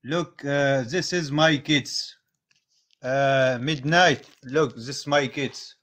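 Man pleading in halting English. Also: medium pitch, fairly bright tone. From North Syria. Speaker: livestreamer asking viewers for support. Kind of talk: live-stream appeal in broken English. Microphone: phone in a live video call.

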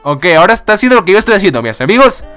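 A young man casually commenting on a game, excitable, swearing and laughing often. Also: high voice, racing, faint music behind. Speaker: gaming YouTuber. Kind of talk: casual let's-play commentary.

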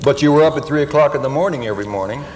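A man's voice: fairly high pitch, rapid-fire, a little mellow. A middle-aged man interviewing a guest on stage, steering the talk with leading questions. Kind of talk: onstage interview. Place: stage with armchairs and plants, indoors. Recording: echoey hall with faint noise.

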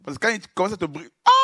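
A man preaching a sermon, moving from low, confiding talk to shouted praise. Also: slightly rough, no echo, clean studio sound.

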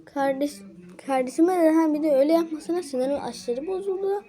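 Little girl vlogging, high voice but mellow, keeps restarting, all worked up. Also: a little fast. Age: child. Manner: agitated, rambling with many restarts. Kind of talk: casual storytelling vlog.

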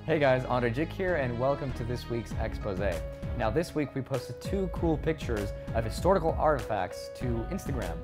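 A man's voice: mid-range voice, animated, normal speed, music in the background. A man in his twenties hosting a scripted segment to camera on a lapel mic. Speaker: segment host. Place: bright room indoors.

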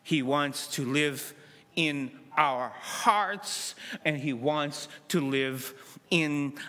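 Middle-aged man preaching, high bright voice, very slow, long church reverb. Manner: dramatic, voices God and Moses in lively asides. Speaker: pastor. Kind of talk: sermon. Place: church sanctuary, at a pulpit.

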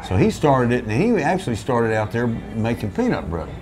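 A man's voice: medium pitch, huge pitch swings, a little fast. An older man tells the story of his family's restaurant in a loose, folksy ramble, often restarting his sentences. He talks seated at a table in a small back room, recorded by a camera set in front of him. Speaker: restaurant owner. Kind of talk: relaxed storytelling interview.

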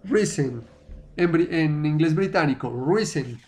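A male English teacher whose first language is Spanish talks through an online lesson. His voice sits slightly high and his delivery is slow and deliberate. He repeats words again and again so learners can drill them.

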